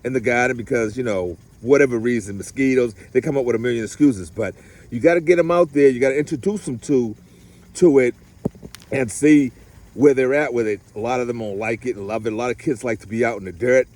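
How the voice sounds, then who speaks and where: A man's voice: mid-range voice, a little fast, slight background noise. Guy showing off a church garden outdoors, rambly, lots of uhs and you knows, sorta enthusiastic. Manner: rambling, warm-hearted, many fillers and restarts. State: getting rained on. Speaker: garden mentor to youth. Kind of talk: casual outdoor garden vlog.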